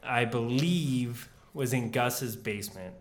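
A young man in casual podcast chat with his partner, relaxed and laughing often, swearing freely. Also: medium pitch, slow pace. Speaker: podcast co-host.

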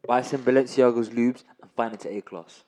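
A man's voice: mid-range voice, fairly even intonation, brisk, dark tone, a little hiss or hum. A man with a London accent bantering as a podcast co-host, blunt, slangy and insistent.

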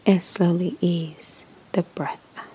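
A woman leading a guided meditation in a soft, whispery spa-like voice, soothing and measured, with pauses between short phrases. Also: on the low side, steady tone, husky.

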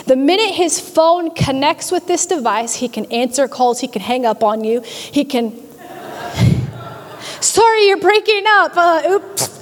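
A woman pastor delivers a sermon with a high, bright-pitched voice. She talks in an animated way, stumbling over and repeating words as she acts out quoted voices. The sound carries a long reverb from a large church hall.

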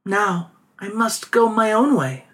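A man's voice: high-pitched, expressive, takes it slowly, a bit bright, pitched above the performer's own voice, exaggerated voice. A man voicing a sorrowful young widow who speaks in a plaintive, formal old-fashioned way. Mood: calm.

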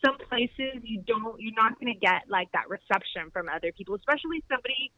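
A woman's voice: a little high, expressive, a little fast, dry recording. A woman from Laredo, Texas, a boutique owner telling long rambling stories as a podcast guest, chatty and full of "like". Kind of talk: casual interview storytelling. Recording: dull, lo-fi, dry recording.

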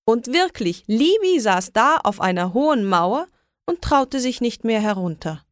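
Woman, storyteller, expressive children's story reading, animated pitch, dry close sound. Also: unhurried, no echo. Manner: lively, expressive reading with raised voices for quoted calls. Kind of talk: scripted children's story narration.

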